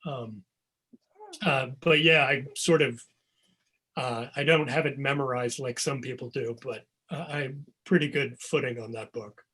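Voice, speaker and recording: A man's voice: mid-range voice, a little slow, breathy edge. A man, a novelist guest, talking casually about his writing over a video call, with many ums and restarts. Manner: rambling, relaxed, many ums.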